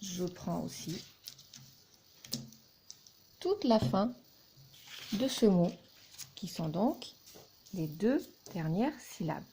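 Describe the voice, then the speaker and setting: A woman teacher giving a recorded lesson to young children, speaking deliberately and spelling out letters and syllables one by one. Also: mid-range voice, big pitch swings, noisy background.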